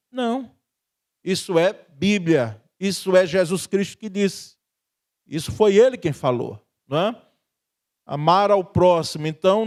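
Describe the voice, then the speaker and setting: A Brazilian pastor delivers a conversational sermon in a church, his voice sitting notably high for a man. He leans on friendly tag questions and frequent chuckles to keep the congregation with him. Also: a little mellow. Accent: Brazilian Portuguese.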